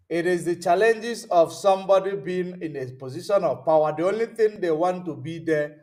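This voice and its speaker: A man with a high, slightly mellow voice hosts a political commentary livestream, rambling and responding to viewer comments as he goes. He frequently stops to search aloud for words, with many ums.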